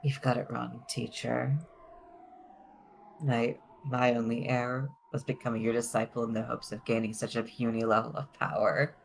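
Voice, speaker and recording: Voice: mid-range voice, level tone, normal speed, gravelly, a little hiss or hum, lightly acted. A performer voicing a proud young witch as a taunting, grandiose anime rival in an amateur visual novel dub. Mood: scornful. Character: proud young witch, mocking rival of her former teacher.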